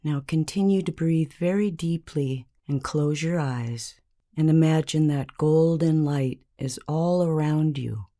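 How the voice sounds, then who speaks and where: A woman's low voice carries a scripted guided meditation. Calm and soothing, she speaks in measured phrases separated by long pauses.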